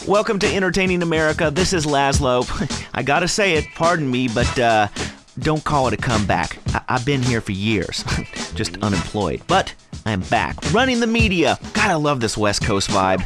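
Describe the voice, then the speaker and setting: A man's voice: medium pitch, big pitch swings, moderate pace, over music, lightly acted. A man playing a sarcastic radio host. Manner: sarcastic, nervous chuckling. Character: nervous, wisecracking male radio host. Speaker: radio talk show host.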